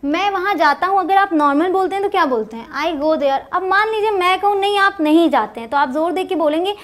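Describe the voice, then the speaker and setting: A young woman teaching English grammar in an online lesson, explaining step by step and reading example sentences slowly and deliberately. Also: very high voice, animated, fairly bright tone. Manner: explains step by step, checks in with "clear?".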